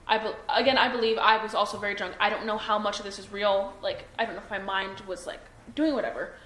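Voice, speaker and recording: A woman's voice: mid-range voice, fairly even intonation, fast, fairly bright tone. A young woman being interviewed by police, hesitant and full of ums and self-doubt. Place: interview room. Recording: echoey room, faint noise.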